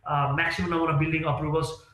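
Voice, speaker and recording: A man's voice: a little high, level tone, quick pace, sharp tone, reverberant, poor audio. A man, answering interview questions earnestly and hesitantly, with many fillers and restarts. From Nepal. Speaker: real estate sales executive, guest.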